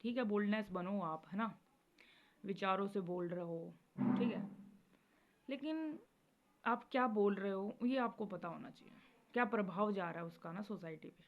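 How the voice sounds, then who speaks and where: A woman hosting a spiritual advice talk, speaking gently and often checking in with her listeners. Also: mid-range voice, normal speed, pauses often. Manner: gentle, repeats "theek hai" often. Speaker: spiritual video host. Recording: dull lo-fi recording with faint noise.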